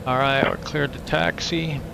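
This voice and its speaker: A man's voice: fairly high pitch, unhurried, gravelly. A man giving casual running commentary as he plays a flight simulator, muttering checklist items to himself in clipped phrases. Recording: steady aircraft hum behind voice.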